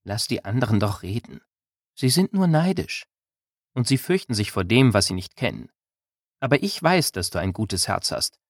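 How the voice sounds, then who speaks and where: A man's voice: fairly low pitch, sing-song, moderate pace, no echo, clean studio sound. A man reading a German audiobook, voicing a bold, teasing young village girl with a raised, stern-then-coaxing voice.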